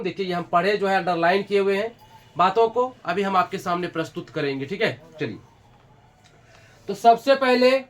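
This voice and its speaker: A young man teaches in a classroom with a high-pitched, fairly bright voice, repeating points over and over. He quizzes his students relentlessly and both jokes with and scolds them.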